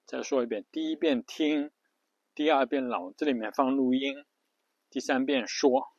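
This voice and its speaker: A man's voice: medium pitch, moderate pace, a little mellow, no room sound, dull audio. A man giving a casual spoken lesson on pronunciation, repeating himself often, with words. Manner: repetitive, lots of fillers and restarts, spells letters out. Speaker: English pronunciation teacher.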